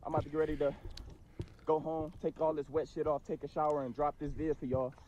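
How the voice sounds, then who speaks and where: Fast-talking man, muffled noisy clip. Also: a little high, level tone. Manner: rapid, slangy spiritual advice. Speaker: vlogger. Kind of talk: spiritual motivational vlog. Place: outdoors after rain. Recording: dull lo-fi clip with loud noise.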